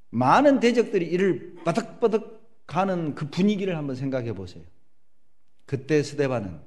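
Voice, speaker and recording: Animated middle-aged Korean pastor preaching. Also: male voice, fairly high pitch. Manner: animated storytelling, acting out prayers and voices. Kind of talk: sermon.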